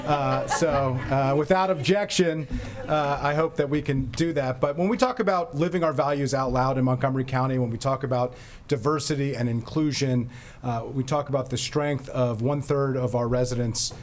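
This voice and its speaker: A man, the council vice president, giving upbeat and excited remarks at a council session. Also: medium pitch, normal speed, a little hiss or hum.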